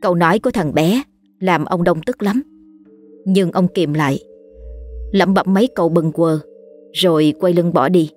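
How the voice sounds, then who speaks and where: Woman narrator, ghost story audiobook, steady, lowish voice. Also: moderate pace, pauses often, faint music behind.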